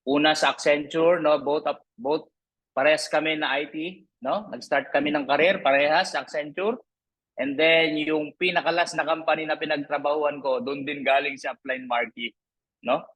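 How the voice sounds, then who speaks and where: A man in his thirties hosting a live online sales training, upbeat and chatty, who keeps tagging his sentences with a quick "no?", heard through an online meeting microphone. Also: a little high, fairly even intonation, fairly bright tone, poor audio.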